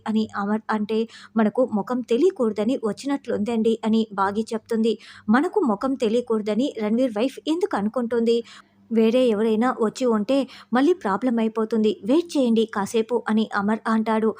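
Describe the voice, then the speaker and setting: A woman with a fairly high voice retells a serial episode in steady recap narration. She reads every character's dialogue in her own voice and does not act the parts.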